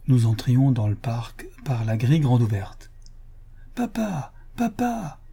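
A man narrating a classic novel audiobook in a measured, expressive reading. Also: mid-range voice, breathy edge.

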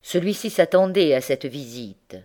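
Female audiobook narrator, low and deep-toned, expressive classic-novel reading. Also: unhurried. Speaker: volunteer audiobook reader.

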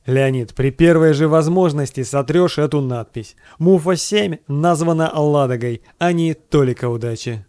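A man's voice: a little high, normal speed, few pauses, a little mellow, dry recording, close to an everyday voice. A man voicing a stern starship captain, close to his own narrating voice, firm and commanding in an audiobook.

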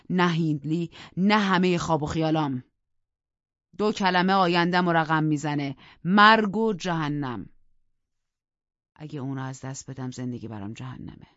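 A man voicing a bitter, obsessive young man who talks with intense scorn and drops into low whispers in an audiobook. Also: vocal fry, darkish tone, dry recording. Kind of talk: audiobook character reading. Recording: dry, dull lo-fi recording.

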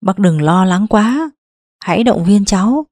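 A woman reading an audiobook, voicing a kind, calm elderly male village scholar who speaks slowly and reassuringly. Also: mid-range voice, dry recording, studio quality. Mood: gentle reassurance. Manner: slow, reassuring.

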